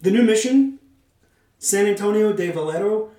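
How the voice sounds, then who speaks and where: High-voiced man hosting in an echoey room. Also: normal speed, mellow. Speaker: podcast host. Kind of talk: semi-scripted podcast narration with casual banter. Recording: roomy echo, distant microphone.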